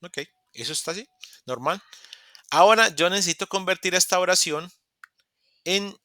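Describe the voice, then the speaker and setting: Bright-voiced male English teacher, dry sound. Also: high-pitched, moderate pace, no echo. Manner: patient, repeats examples, acts out little dialogues. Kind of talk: online class explaining grammar. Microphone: computer mic in a video call.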